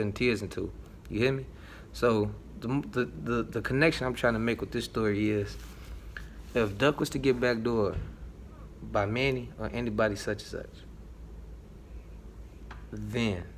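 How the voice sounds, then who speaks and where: A man with a fairly low voice talks through a face mask, which slightly muffles him. He gives casual, emphatic opinion commentary in a slangy way. Noise is audible behind him in the office. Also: fairly bright tone. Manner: slangy, emphatic, repeating appeals to listen. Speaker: YouTube news commentator. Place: office, indoors. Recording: clear background noise.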